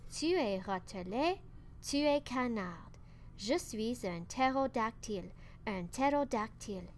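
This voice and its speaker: A woman voicing a shy, clumsy young pterodactyl who strains and shouts garbled syllables. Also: high-pitched, expressive, takes it slowly, a little hiss or hum, full character voice. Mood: earnest.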